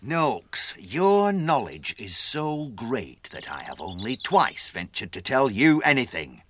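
Grave, unhurried fairy king, lively intonation. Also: mid-range voice, slight background noise. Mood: reproachful. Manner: measured, solemn and reproachful. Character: quiet male apprentice revealed as a stern fairy king. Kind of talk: radio drama acting.

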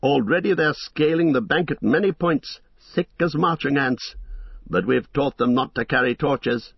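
A man voicing a breathless male rear-guard rider who speaks urgently, fast and high. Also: gravelly, husky, dry recording, muffled recording.

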